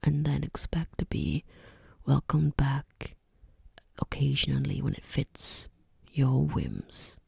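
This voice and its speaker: An ASMR creator giving an opinionated ramble in a soft, breathy whisper, repeating words and phrases deliberately. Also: mid-range voice, big pitch swings, dry recording, studio quality.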